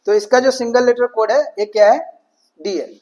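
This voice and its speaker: A teacher with a very high-pitched yet darkish voice gives an exam-prep lecture at a moderate pace and in a steady tone, over poor audio. Switching between Hindi and English, he asks questions and answers them himself, often saying "ठीक है."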